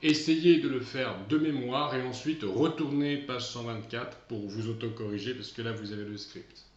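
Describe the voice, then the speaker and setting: A man talks pupils through an English lesson in a steady middle voice. He explains patiently and often repeats or restarts his phrases. The sound is dull and echoes around the room. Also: medium pitch, normal speed. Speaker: English teacher. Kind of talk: recorded remote lesson.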